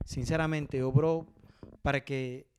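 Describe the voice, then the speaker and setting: A man speaking casually as an interview guest, with quick, mumbled delivery. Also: medium pitch, steady tone, a little hiss or hum. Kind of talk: casual conversation.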